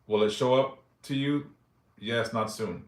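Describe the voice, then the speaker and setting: In an echoey room, a forties-aged livestream host reads out viewers' yes-or-no questions and fires back short answers, his talk loose and profane. He speaks at medium pitch and a measured pace.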